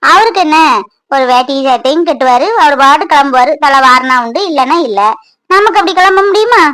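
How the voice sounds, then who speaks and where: A woman's voice: high-pitched, lively intonation, fairly quick, fairly bright tone, no echo. A woman voicing a chatty, playful pregnant young wife in a cartoon, who talks to her unborn baby.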